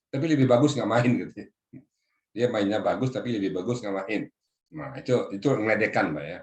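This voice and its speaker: A deep, low-pitched man teaches a group on a video call, walking through the grammar of each word. He often turns to his listeners with a polite "Pak". His voice rings a little in an echoey room. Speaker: religious teacher. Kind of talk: Quran exegesis lesson to a group.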